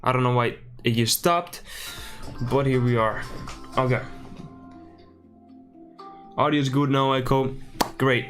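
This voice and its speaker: A man's voice: mid-range voice, steady tone, takes it slowly, pauses often, a bit bright, faint music behind. Chatty male streamer thinking aloud. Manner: chatty, thinks aloud while fixing settings. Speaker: streamer reacting to a livestream. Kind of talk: casual live-stream chat.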